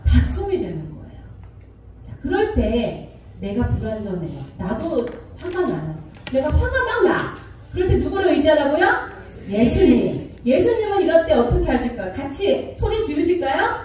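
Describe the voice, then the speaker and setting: A woman pastor preaching a sermon, calling for amens and acting out arguing couples in sudden high voices. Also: very animated, normal speed, darkish tone, slight background noise. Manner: call-and-response preaching, acting out quarrels. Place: church sanctuary. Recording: echoey church hall, mic at a distance.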